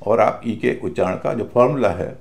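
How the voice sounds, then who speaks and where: A male teacher giving a pronunciation lesson, speaking slowly and deliberately and spelling out words letter by letter. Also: lowish voice, creaky, a little mellow.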